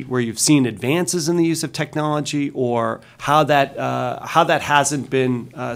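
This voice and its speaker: Gravelly Boston commissioner. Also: male voice, mid-range voice. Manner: halting, with many fillers and restarts. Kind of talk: questioning a witness at a public hearing.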